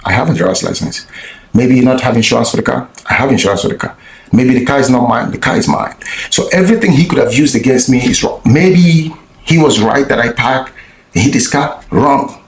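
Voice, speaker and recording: Gravelly man telling a blunt story. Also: medium pitch, brisk, echoey room, poor audio. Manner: blunt and profane, many restarts. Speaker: vlogger. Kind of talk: casual storytelling monologue.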